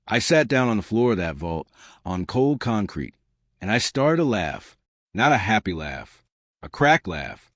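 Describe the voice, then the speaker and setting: Low-voiced man narrating a dramatic story. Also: no room sound, clean studio sound. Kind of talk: first-person story narration.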